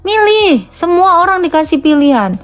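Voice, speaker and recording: Super high-pitched lady apologist scolding folks on a stream, faint music behind. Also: big pitch swings, normal speed. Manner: scolding, blunt, addresses listeners as Pak and kau. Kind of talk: live-stream preaching and debate.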